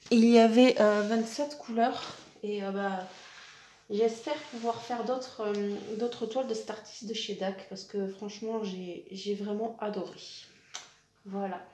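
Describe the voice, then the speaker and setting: A woman's voice: medium pitch, a little mellow, slight background noise. Chatty woman crafting vlogger. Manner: chatty, many fillers and restarts. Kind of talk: casual show-and-tell vlog.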